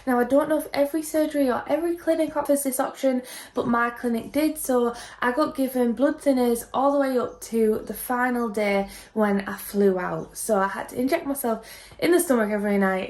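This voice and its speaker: A young woman talks straight to her viewers in a voice-over, sharing information plainly. Her voice sits a little high and rings in an echoey room. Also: darkish tone. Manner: informative, direct. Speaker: vlogger.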